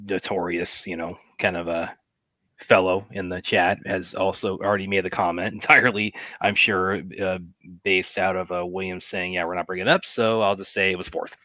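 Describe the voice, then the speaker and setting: Podcast host, male, quick and rambling, low voice, dry close mic. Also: level tone, sharp tone, dry recording. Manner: rambling, filler-heavy, joking. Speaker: podcast host reading chat. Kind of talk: casual chat.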